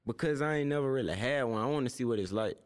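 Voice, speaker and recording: A man's voice: medium pitch, quick pace, clean tone. A young man from Tennessee, a podcast guest, chatting casually in laid-back slang about his business. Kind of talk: casual chat.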